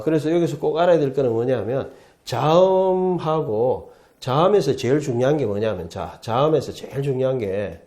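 A man's voice: mid-range voice, mellow. A man who teaches as a professor, giving a chatty, repetitive lecture at a writing board in a studio. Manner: chatty, repetitive, often starts with "자" and "예". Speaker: Hebrew professor teaching the alphabet. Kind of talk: casual classroom lecture.

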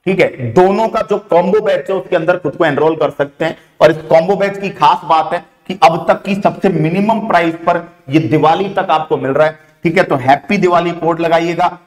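A male exam coaching teacher with a Rajasthani Hindi accent, briskly running through syllabus topics with frequent "theek hai" fillers and calling students "beta". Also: fairly high pitch. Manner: addresses students familiarly as "beta". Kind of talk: online exam coaching lecture. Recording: echoey room.

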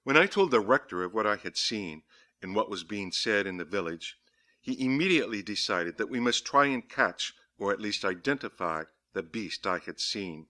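Male audiobook narrator, lowish pitch, bright forceful tone, measured dramatic reading. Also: lively intonation. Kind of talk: scripted narration of a diary.

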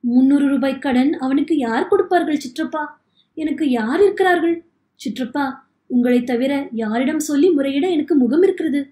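A tearful young man pleads for forgiveness, his sorrow spilling into every line, as a woman reads him aloud. The voice sits high and mellow. It rings in an echoey room. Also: normal speed, natural voice. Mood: pleading. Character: remorseful young man, weeping, begging forgiveness.

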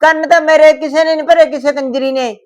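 A woman's voice: high-pitched, steady tone, fast talker, a little mellow, close to an everyday voice. An actress with a Punjabi accent playing a stern, suspicious older mother-in-law who scolds and lectures, in a village short-film drama. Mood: scolding.

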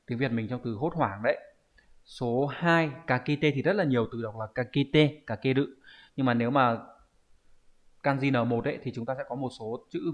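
Heard through lo-fi sound, a man with a medium-pitched voice and a Vietnamese accent teaches an online Japanese lesson. He breaks down exam answers and repeatedly asks viewers to confirm with rhetorical checks.

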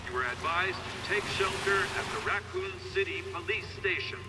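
An emergency notice rings out over a loudspeaker in a game. The voice sits high and formal, measured and official. It comes from far away through a noisy public address. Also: male voice. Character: male city emergency announcer on a loudspeaker. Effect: loudspeaker public announcement. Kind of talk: scripted game dialogue.

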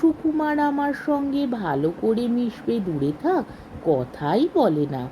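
Slow, mellow female storyteller. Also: on the high side, a little hiss or hum, rough recording. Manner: slow, measured reading with expressive rises. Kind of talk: reading a short story aloud.

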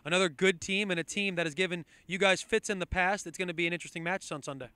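Sideline host, male, thirties, quick upbeat delivery, bright forceful tone on a handheld mic. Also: high-pitched, steady tone, smooth, no echo. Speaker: sideline interviewer. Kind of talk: postgame sports interview. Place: outdoor soccer field at night.

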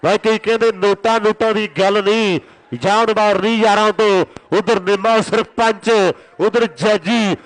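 A man giving excited, urgent rural sports commentary on kabaddi, repeating his calls and announcements. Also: sits high, measured pace, rough recording. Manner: excited, urgent, repetitive calling of play and announcements.

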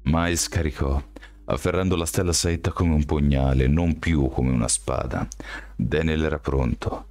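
A male audiobook reader with a strikingly deep, low voice. He narrates in a steady, even storytelling way. The recording is dry and close, with no room sound. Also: normal speed, dry recording.

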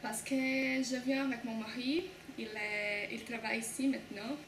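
A woman's voice: fairly high pitch, fairly even intonation, normal speed. A young Brazilian woman, a student, answering interview questions in hesitant, restarting French. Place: classroom by a window. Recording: echoey room, background noise.

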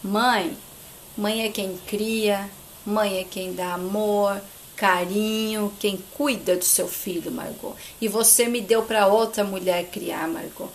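A woman's voice: medium pitch, steady tone, takes it slowly, a little hiss or hum, voice pushed down. A woman reading as a bitter, accusing grown son. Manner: cold, accusing, repeats her name. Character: bitter grown son rejecting his mother.

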